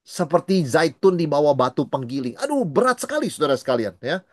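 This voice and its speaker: A middle-aged male pastor leading a Bible study, talking in a lively way, dropping in English words and briefly acting out the people he quotes. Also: a little high, brisk, no room sound, clean studio sound.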